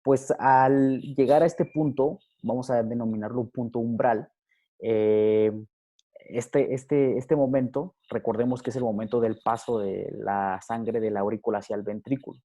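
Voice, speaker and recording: A man giving a recorded physiology lecture over slides, halting, with many fillers and tag questions. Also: mid-range voice, fairly even intonation, mellow, lo-fi sound.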